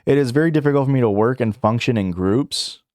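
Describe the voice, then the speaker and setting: This young adult livestreamer reads questions out loud and answers in a rambling, casual way, filled with fillers, restarts, self-corrections and chuckles. His mid-range voice is quick and slightly mellow, in a clean studio recording with no room sound.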